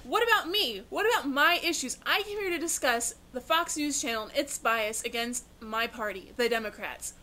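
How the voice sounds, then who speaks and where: A woman's voice: a little high, animated, a little fast, fairly bright tone. A woman playing an earnest, prim liberal professor who protests indignantly in a scripted news satire.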